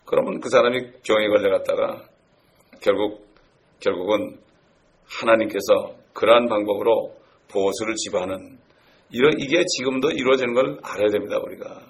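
A man's voice: fairly low pitch, normal speed. Korean male pastor preaching earnestly. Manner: earnest, rhetorical questions to the congregation. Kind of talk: sermon.

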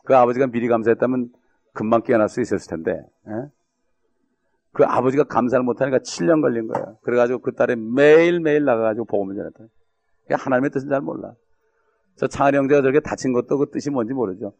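A male pastor delivers a sermon in a rough, gravelly voice, speaking quickly. He keeps turning to the congregation with quick rhetorical questions. His pitch sits in a middle range for a man. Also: a little mellow.

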